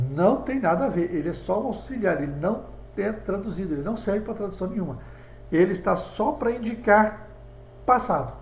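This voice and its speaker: High-voiced Brazilian teacher in echoey room. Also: male voice, a little mellow. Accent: Brazilian Portuguese. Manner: explanatory, talks students through examples on a board. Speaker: English teacher. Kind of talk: video lesson. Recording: echoey room with faint background hum.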